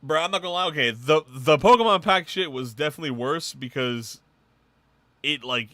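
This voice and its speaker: A man co-hosting a podcast, rattling off game news in casual, swearing slang with excitement. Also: a little high, moderate pace, no echo. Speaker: podcast co-host. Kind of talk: casual chat.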